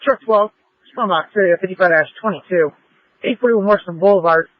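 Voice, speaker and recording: A man's voice: high voice, fast, dry recording, muffled recording. A man reading out emergency dispatches over a two-way radio. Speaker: fire dispatcher.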